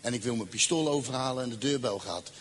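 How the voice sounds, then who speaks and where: A man telling a dramatic personal testimony, acting out the dialogue and slowing down for emphasis. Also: mid-range voice, fairly bright tone, a little hiss or hum. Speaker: speaker giving a personal testimony. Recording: faint ambience, long reverb.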